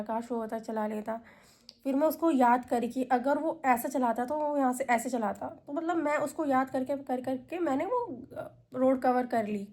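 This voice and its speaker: High-voiced young woman vlogger. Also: darkish tone. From India. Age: 20s. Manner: chatty, retells calls with quoted voices. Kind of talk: casual storytelling to camera.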